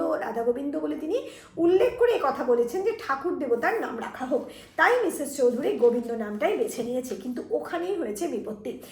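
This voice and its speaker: Woman teacher, high voice, echoey room, revision lesson that speaks to students directly. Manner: explanatory, addressing students directly.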